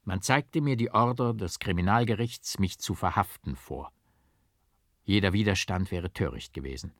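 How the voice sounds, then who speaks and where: Low-voiced man narrating a dramatic story. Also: moderate pace, no room sound, studio quality. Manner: dramatic, expressive reading. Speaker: audiobook narrator. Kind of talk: first-person literary narration.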